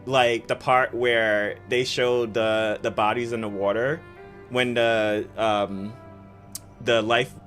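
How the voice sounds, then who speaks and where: A gaming streamer chatting casually while playing, telling stories excitedly and talking to the chat. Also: medium pitch. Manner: excitable, giggly storytelling, talks to chat.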